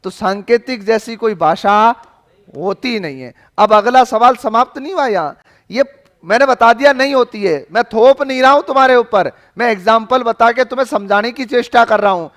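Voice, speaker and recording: A male teacher lectures in a fairly high voice. He keeps questioning the class, repeating each question until someone answers. He teases the students with jokes along the way. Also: moderate pace, a bit bright. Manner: joking, questioning.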